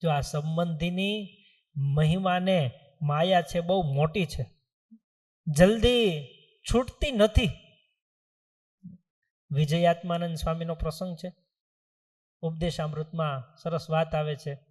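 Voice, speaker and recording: High-voiced swami telling a story. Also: male voice, measured pace. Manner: animated storyteller, voicing villagers in raised tones. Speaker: swami giving a religious discourse. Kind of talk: storytelling sermon with acted voices. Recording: long hall reverb.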